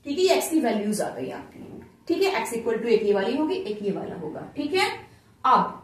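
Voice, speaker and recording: A woman's voice: fairly high pitch, big pitch swings, normal speed, distant mic. A woman teaching a maths lesson, explaining each step and asking her students questions as she works. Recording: very echoey room, voice from off-mic.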